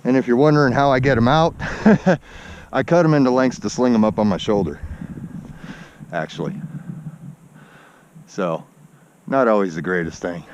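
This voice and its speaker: His mid-range voice has a darkish tone, and he talks at normal speed with frequent pauses, slightly breathless from the climb. The vlogger offers folksy, instructive commentary while walking a snowy forested slope, recorded on a body-worn action camera with muffled sound and outdoor noise.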